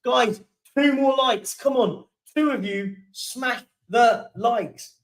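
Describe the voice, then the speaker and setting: A man's voice: very high-pitched, slow pace, a bit bright, distant mic, poor audio. A young man hosting a casual live-stream chat, reading out viewer comments and yawning now and then. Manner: chatty, keeps yawning and apologising.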